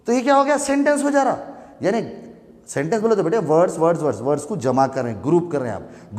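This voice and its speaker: A man's voice: sits high, a little mellow, in a large hall. A man teaching basic English grammar to a class. He asks questions and answers them himself, repeats words and spells them out letter by letter. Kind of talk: classroom grammar lesson in mixed Hindi and English.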